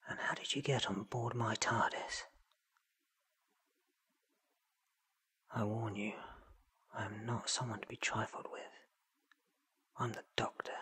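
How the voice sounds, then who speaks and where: A man's voice: fairly low pitch, pushed and bright, breathy edge, exaggerated voice. A man in his thirties playing an eccentric, curious, ancient alien time traveller, theatrical and wordy, in a close-miked ASMR roleplay. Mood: stern, boastful. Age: 30s. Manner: theatrical, wordy, self-assured. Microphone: close sensitive microphone.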